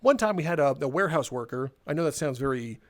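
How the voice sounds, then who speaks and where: A man's voice: a little high, expressive, fast talker. Sardonic young man rambling retail stories. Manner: rambling, sardonic, swears, laughs between stories. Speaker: gaming video creator. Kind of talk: casual storytelling while playing a game.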